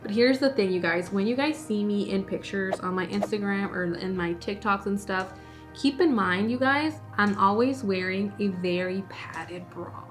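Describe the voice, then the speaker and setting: A young woman in her twenties telling a personal story to camera in a casual, animated way while doing her makeup. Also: medium pitch, moderate pace, over music. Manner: chatty, animated, addresses viewers as guys. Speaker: beauty vlogger.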